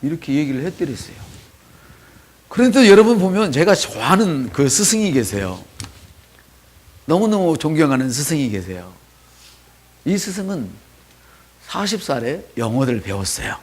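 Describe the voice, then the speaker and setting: A man preaching a sermon as pastor in a church, dropping to soft asides and rising to loud calls, and leading the congregation in spoken responses. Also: a little high.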